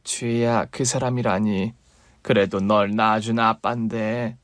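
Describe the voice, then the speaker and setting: A man's voice: lowish voice, level tone, measured pace, no echo, close to an everyday voice. Long-suffering mom, emotional and pleading, as a guy voices her, dry close sound. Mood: gentle. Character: hurt, long-suffering middle-aged mother.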